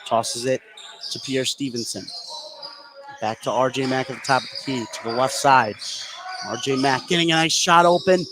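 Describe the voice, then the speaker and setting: A man calls a basketball game live for radio from an indoor gym, with gym noise clearly audible behind him. His voice is mid-range at normal speed.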